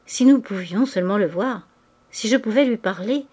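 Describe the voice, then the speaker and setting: An anxious, devout widow, read by a woman in an audiobook, earnest and worried in every phrase. Her mid-pitched voice stays close to the reader's own. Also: moderate pace, dark tone, slightly rough, lightly acted. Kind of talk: audiobook reading.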